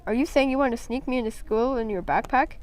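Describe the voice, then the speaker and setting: A woman's voice: fairly high pitch, fast, close to an everyday voice, poor audio. A woman voicing a haughty male house cat who talks in a formal, stiff way without contractions and loves a video game. Her voice stays close to her own.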